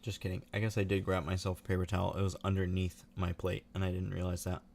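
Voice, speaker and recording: A man with a low, easygoing voice and an American accent talks casually through a gaming livestream. He rambles in a relaxed way over a steady hiss of background noise. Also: quick pace, vocal fry. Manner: chatty, laid-back, talks while eating. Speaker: streamer.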